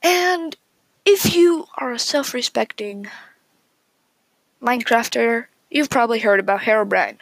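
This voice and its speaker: Slow, chatty woman podcaster. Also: a little high, no echo, low-quality recording. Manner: opinionated, chatty with frequent restarts. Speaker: podcast host. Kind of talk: casual solo podcast talk.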